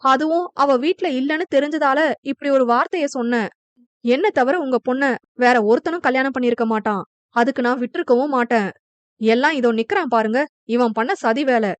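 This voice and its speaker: A woman voicing a quarrelsome, teasing young husband who fires off quick, mocking retorts. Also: sits high, no room sound, lightly acted. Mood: pleading.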